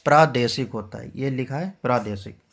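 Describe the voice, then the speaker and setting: A man's voice: medium pitch, moderate pace, vocal fry. A male teacher giving an exam-prep spelling lesson, patiently drilling each word and quizzing his class with rhetorical questions.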